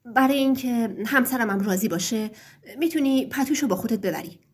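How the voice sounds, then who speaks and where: A woman's voice: fairly high pitch, breathy edge. A woman doing a harsh grumbling young son. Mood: scheming. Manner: scolding, curt.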